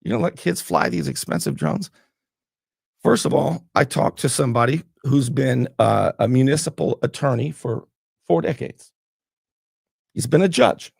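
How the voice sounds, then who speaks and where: Gravelly husky guy hosting, heated and blunt, dry close sound. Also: medium pitch, normal speed, darkish tone, dry recording. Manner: fired up, blunt, swears. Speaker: talk show host. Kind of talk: heated political interview.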